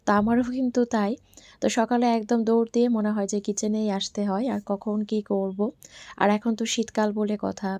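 A hoarse woman from Bangladesh in her thirties narrates her home vlog in a quiet, soft voice. Her tone is warm and mellow. The sound is close and dry, with no room around it. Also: a little high, dry recording. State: hoarse from a cold. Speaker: vlogger. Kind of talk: casual voice-over narration.

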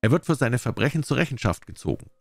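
A man's voice: mid-range voice, big pitch swings, fast talker, creaky, dry recording, soft background music, voice pushed up. A man voicing a passionate young Spanish woman in an audiobook, speaking heatedly and with emphasis. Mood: vehement. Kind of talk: audiobook character voice.

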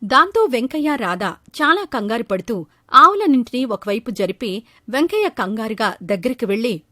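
Brief: high-pitched female storyteller, dry close recording, steady scripted storybook narration. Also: normal speed, no echo.

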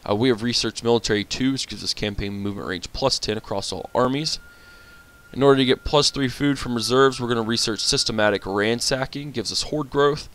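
A man talks through his strategy campaign in a relaxed, offhand way, griping when things go wrong. His voice is smooth and clear, sitting in an ordinary middle register. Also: mid-range voice, brisk. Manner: grumbling, talks to his units and the enemy. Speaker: gaming channel host. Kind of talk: casual strategy game commentary.

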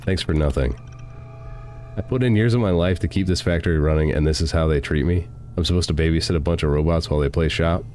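Sitting at a desk mic at home, a stuffy-nosed young man streams a game, offering casual let's-play commentary and reading its text out loud. He talks fast in a rumbling low voice that is a little mellow, with slight background noise behind him.

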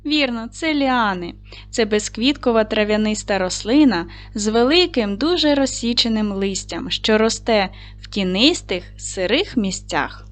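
A woman teaching an online lesson to young schoolchildren, speaking slowly and clearly in an encouraging classroom manner. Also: on the high side.

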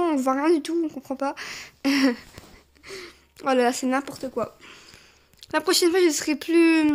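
A young woman narrating a video game as she plays, animated, often squealing and laughing. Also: high voice. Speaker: gaming YouTuber. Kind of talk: excited let's-play commentary.

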